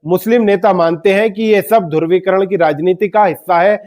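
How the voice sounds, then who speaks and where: Delivering scripted political commentary on his own channel, this news host speaks fairly quickly in a high, steady, slightly mellow voice. He is emphatic and poses rhetorical questions to viewers.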